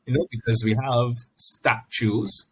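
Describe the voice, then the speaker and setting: A man with a Barbadian accent talking conversationally on a podcast, explaining and arguing his points in a measured way. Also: medium pitch, slight background noise. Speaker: podcast speaker. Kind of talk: conversational discussion.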